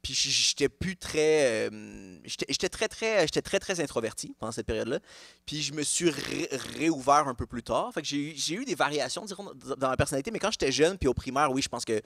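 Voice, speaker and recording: A man's voice: medium pitch, expressive, fairly quick, vocal fry, a bit bright, no room sound. Thirties Québécois male comedian guest, hesitant casual delivery, dry mic. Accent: Québécois French. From Quebec, Canada. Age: 30s. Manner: hesitant, many restarts and fillers. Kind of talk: casual live podcast interview. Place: live podcast taping before an audience.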